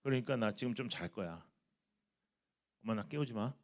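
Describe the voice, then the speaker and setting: A man's voice: lively intonation, normal speed, lightly acted. A man playing a tired, sulky schoolboy who mumbles and whines to his mother. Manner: low, mumbling and whiny.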